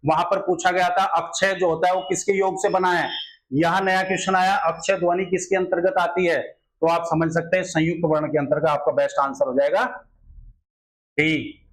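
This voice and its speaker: A man with a fairly high voice talks through a grammar lesson aimed at exam preparation. He explains every answer step by step, keeps circling back with rhetorical questions and repeats his key points. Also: level tone, moderate pace, rough recording. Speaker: teacher.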